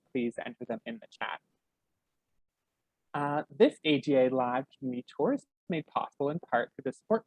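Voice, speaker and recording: Male host reading a formal welcome, mid pitch, dry sound. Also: a little mellow, no echo, rough recording. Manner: scripted and formal, with a slight stumble. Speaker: public program coordinator and host. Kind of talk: read introduction.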